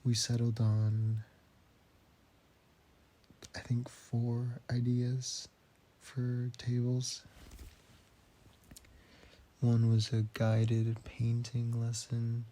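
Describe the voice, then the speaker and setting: Tired, slow-talking young man, slightly nasal. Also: mid-range voice, completely flat delivery, mellow. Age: late teens. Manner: halting, with restarts, sighs and throat clearing. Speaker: student keeping an audio diary. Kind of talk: personal audio diary. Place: at home indoors.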